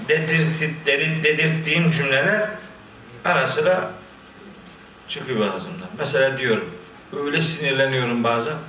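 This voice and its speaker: A man preaching a sermon, quoting scripture in Arabic and explaining it with lively asides. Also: on the high side, a little hiss or hum. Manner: lively, quotes Quran verses in Arabic and explains them. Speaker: Islamic preacher. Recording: echoey room, voice from a distance.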